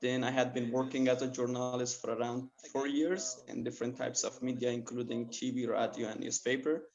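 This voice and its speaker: A man's voice: mid-range voice, steady tone, a little fast, darkish tone. A young man from Afghanistan, a former journalist and master's student, speaking earnestly as a guest on an online panel. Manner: earnest, hesitant with frequent ums. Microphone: webcam video call. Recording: muffled video-call audio.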